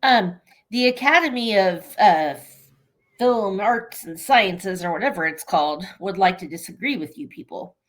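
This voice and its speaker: A woman's voice: mid-range voice, animated, normal speed. A woman co-hosting a casual movie chat, joking, blunt and swearing casually. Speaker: podcast co-host.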